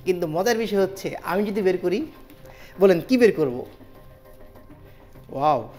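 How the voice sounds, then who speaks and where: A woman's voice: lowish voice, expressive, a little slow, mellow, faint music behind. A woman performing as a magician in kids party style, coaxing a participant through interactive tricks with magic chants and patter.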